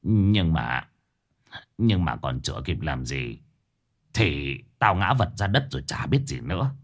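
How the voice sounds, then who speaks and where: A man playing a stern, gruff middle-aged father. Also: extremely low pitch, very animated, measured pace, voice pushed down, exaggerated voice. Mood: weary. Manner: gruff, scolding.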